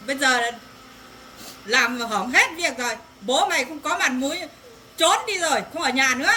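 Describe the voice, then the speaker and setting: A woman's voice: high voice, expressive, moderate pace. A woman acting as an angry rural mother who scolds her daughter, in a family drama. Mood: scolding. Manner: scolding, shouting bursts. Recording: echoey, from far off, faint noise.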